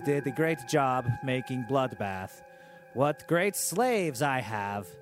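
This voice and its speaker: A man voicing a cruel, pompous, self-aggrandizing male dictator king, reading his diary aloud in slow, deadpan broken English. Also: medium pitch, voice pushed up, lightly acted. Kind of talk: comedic diary-reading monologue.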